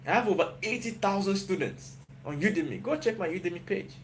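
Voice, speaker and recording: Brisk and high-pitched, this Nigerian-accented man pushes his live-stream viewers forward in a motivational pep talk. He's a YouTuber and software developer who repeats himself and keeps asking "you get?" to check in. Slight background noise is audible.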